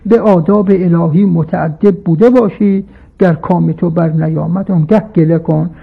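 Male preacher, high gravelly voice, formal sermon delivery with quoted scripture, thin phone-like radio sound. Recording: tinny phone-like radio broadcast.

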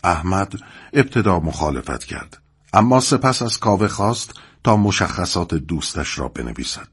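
Deep husky male narrator. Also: sing-song, fairly bright tone. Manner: measured storytelling. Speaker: narrator summarizing a drama episode. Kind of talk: scripted narration.

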